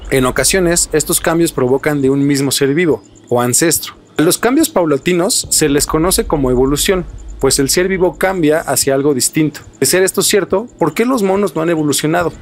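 A podcast host with a Mexican accent explains things and chats in an informal, slangy way. His voice is a little high and he talks fairly quickly.

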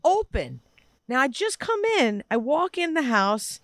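A woman in her forties, a podcast co-host, telling an animated story in casual chat. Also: sits high, measured pace, no echo, studio quality. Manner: animated storytelling, frequent laughter.

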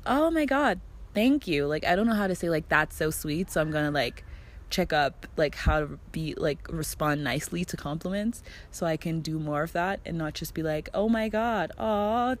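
A woman's voice: low-pitched, brisk. A woman in her twenties from Germany, telling a casual vlog story in a chatty way, full of "like" and acted-out back-and-forth dialogue. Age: 20s. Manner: chatty, fills speech with "like" and "I'm like", acts out quoted dialogue. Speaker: vlogger.

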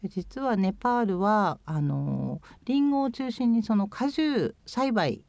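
A woman's voice: medium pitch, lively intonation, slow, gravelly, darkish tone, dry recording. A woman in her fifties from Japan, answering interview questions in a thoughtful, hesitant way with many fillers. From Chiba, Japan. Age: 50s. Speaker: guest, former overseas volunteer.

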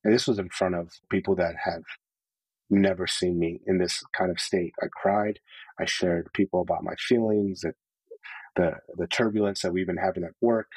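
Man, very deep voice, husky, candid storytelling, dry close sound. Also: steady tone, normal speed, darkish tone, dry recording, rough recording. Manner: earnest, open, many filler "like"s. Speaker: podcast guest, sales leader.

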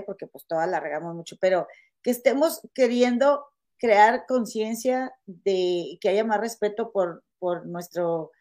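A woman with a Mexican accent in casual chat, telling stories to a friend and calling her comadre. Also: a little high. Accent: Mexican Spanish. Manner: animated storytelling, calls her friend comadre.

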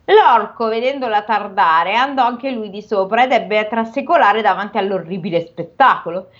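A woman's voice: medium pitch, normal speed, fairly bright tone, muffled recording. A woman co-hosting a podcast, reading a fairy tale aloud and chatting about it playfully, sometimes tripping over words. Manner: playful, stumbles and chuckles over the text. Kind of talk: reading aloud with casual chat.

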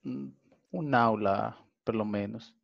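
A Dominican man whose first language is Spanish answers interview questions as a language student, speaking slowly and hesitantly. His voice is on the low side with vocal fry, and his careful learner speech is full of fillers over dull audio.

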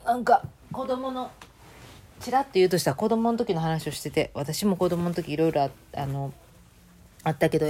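A chatty woman with a Kansai accent, talking casually to her listeners as a host. Her voice sits a little low for a woman. She tells stories freely and slips into other people's voices when she quotes them. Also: a little mellow, slight background noise. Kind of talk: casual chat.

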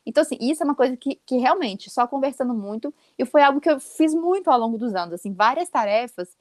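A woman in her thirties with a Brazilian accent, co-hosting a casual chat and telling stories in a quick, emphatic, animated way. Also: sits high, dry recording, studio quality. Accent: Brazilian Portuguese. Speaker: podcast co-host.

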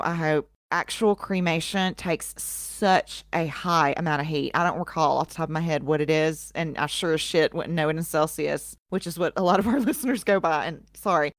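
A lowish-voiced woman with a drawl, co-hosting a podcast and telling a dark history story. She talks casually, swears freely and breaks into laughter. Her voice sits close and dry on the mic. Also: no echo. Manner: casual, profane, laughs often. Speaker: podcast co-host.

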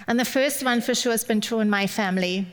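A middle-aged German woman with a German accent speaks quickly in a voice on the high side. She's a guest speaker delivering a personal, lightly humorous church sermon, and the recording carries a long, hall-like reverb.

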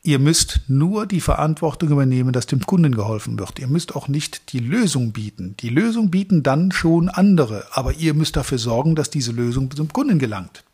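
A man's voice: on the high side, animated, normal speed, hardly any pauses, darkish tone, breathy edge. A middle-aged man from Germany giving a motivational training talk to salespeople, speaking to them directly and stacking up long lists of verbs.

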